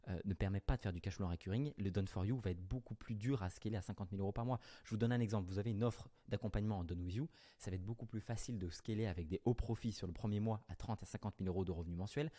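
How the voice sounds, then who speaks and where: Facing the camera, a man speaks as a business coach in a mellow voice on the low side. He explains offers to viewers in a quick, direct manner, revising his words as he goes.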